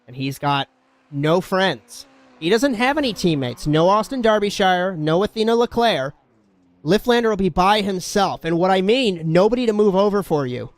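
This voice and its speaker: Man, race commentator, high-pitched, excitable, play-by-play calling. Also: normal speed, no echo. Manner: excitable, shouts at big moments.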